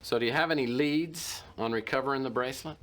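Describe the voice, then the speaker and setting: A man's voice: mid-range voice, fast talker, fairly bright tone, in a large hall, close to an everyday voice. An actor playing a wisecracking hard-boiled male detective, narrating in a dry, sardonic noir style. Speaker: game narrator and lead character. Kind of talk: 1990s game voice acting.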